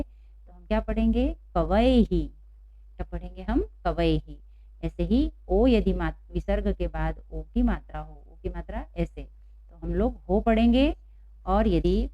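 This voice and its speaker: A woman's voice: fairly low pitch, warm tone, dry recording. Patient woman teaching a children's class. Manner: patient, asks and repeats questions. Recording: dull, dry lo-fi recording.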